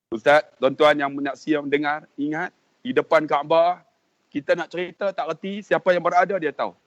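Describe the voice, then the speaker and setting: A man's voice: a little high, fairly even intonation, brisk, dry recording. A man, a preacher and pilgrimage guide, telling an emotional religious story and earnestly addressing the host. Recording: dull lo-fi, dry sound.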